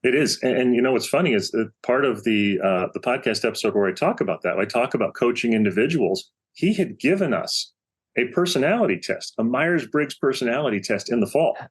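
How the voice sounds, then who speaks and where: A man's voice: medium pitch, fairly quick, slightly rough. A middle-aged man, a baseball coach, telling a story as a podcast guest, acting out the quotes as he goes. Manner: animated storyteller, acts out quotes. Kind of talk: storytelling in casual interview.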